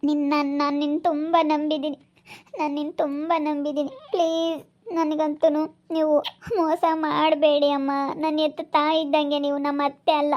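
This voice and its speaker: A high, flat-toned young woman, voiced by an actress, begs and repeats herself. She speaks with a steady, narrow pitch, and the home-made drama recording sounds dull and lo-fi. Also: moderate pace, natural voice. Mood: pleading. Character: distressed young woman pleading to be trusted.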